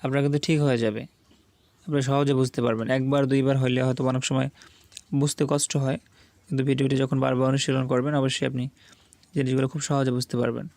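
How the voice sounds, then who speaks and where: A man's voice: mid-range voice, little pitch movement, fast talker, vocal fry, a little mellow, dry recording. A man teaching beginners to read the Quran, spelling out Arabic syllables and patiently repeating each one twice.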